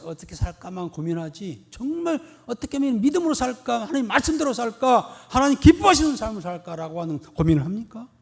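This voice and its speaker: A male senior pastor delivers an emphatic sermon. His voice sits high and swings widely. He repeats key words and fires rhetorical questions. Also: vocal fry, a little mellow.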